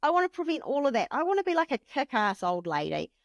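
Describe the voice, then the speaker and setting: A woman in her late thirties, a podcast guest talking in a chatty, animated way with lots of fillers. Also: high voice, fast talker, no room sound. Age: 30s. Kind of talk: casual chat.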